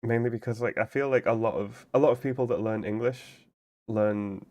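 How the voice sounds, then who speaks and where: A man's voice: medium pitch, fairly even intonation, a little fast, darkish tone, muffled recording. A man streaming a game, chatting casually and explaining at length in a rambling way, full of "like" and restarts. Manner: rambling, explanatory, heavy use of "like". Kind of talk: casual chat while playing a game.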